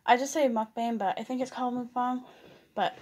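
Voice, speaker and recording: Chatty young woman, slightly high voice. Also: racing, a little mellow. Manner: rambling, many fillers and restarts. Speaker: vlogger. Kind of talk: casual mukbang chat while eating.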